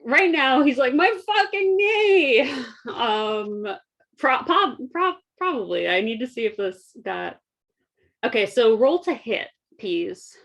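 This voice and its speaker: A woman with a high voice running a tabletop game at an unhurried pace. She narrates the scene loosely, laughing as she goes and throwing in casual swearing. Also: animated, gravelly, a bit bright. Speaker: game master.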